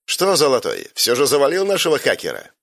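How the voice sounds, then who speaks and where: A man voicing a sharp-tongued young woman sniper who talks in a mocking, sarcastic way. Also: mid-range voice, wildly swooping pitch, fairly quick, vocal fry, in a large hall, pitched above the performer's own voice, heavily acted.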